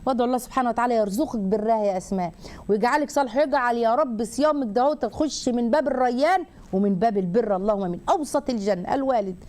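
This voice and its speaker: An Egyptian woman hosting a call-in religious advice show, counseling a caller in a rapid, affectionate way and acting out little dialogues as she goes. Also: on the high side, darkish tone. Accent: Egyptian Arabic.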